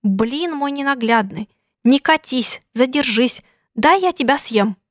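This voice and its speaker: A woman's voice: high-pitched, expressive, a little slow, dry recording, studio quality. A woman voicing a man from far away who sweet-talks a pancake. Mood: coaxing. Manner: coaxing, sweet-talking. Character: man from afar, coaxing a pancake.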